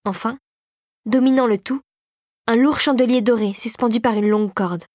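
A woman reading a storybook aloud in a measured, expressive way. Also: fairly high pitch, no echo, studio quality. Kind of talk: audiobook narration.

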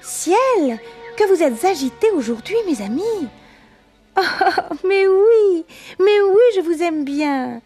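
A sweet, gentle young princess in a storybook recording. Her voice is high and mellow, and she speaks politely. Soft music plays behind her. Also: very animated, measured pace, full character voice.

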